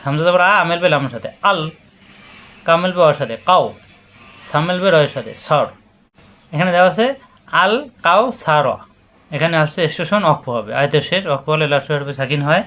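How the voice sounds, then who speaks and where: A man leads a word-by-word tajweed lesson in a notably high voice. He patiently repeats each syllable and stretches recited words into slow chant. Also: sharp tone. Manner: patient, repetitive drilling of syllables, slows and sings out recitation. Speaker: Quran recitation teacher.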